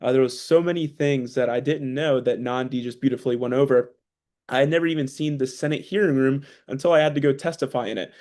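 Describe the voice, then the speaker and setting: A man's voice: mid-range voice, steady tone, fast talker, a little mellow. Chatty young man in his twenties. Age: 20s. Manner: chatty, self-deprecating, many fillers and restarts. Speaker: policy staff speaker. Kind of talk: casual personal account.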